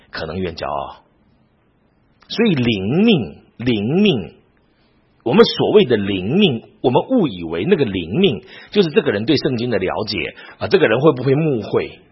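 A man's voice: medium pitch, slightly rough, highs cut off. A man teaching a Bible class in a sermon style, asking his listeners frequent rhetorical questions.

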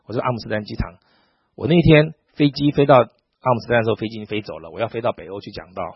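A man's voice: fairly low pitch, racing, creaky, breathy edge, no echo. A middle-aged pastor from Taiwan, preaching a sermon and acting out dialogue as he tells stories. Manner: animated storytelling, acting out dialogue. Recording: dull lo-fi sound.

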